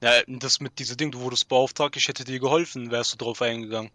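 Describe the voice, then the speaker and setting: A young streamer defending himself in a heated game argument, dismissive and interrupting. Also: male voice, medium pitch, fairly even intonation, quick pace, sharp tone, dry recording.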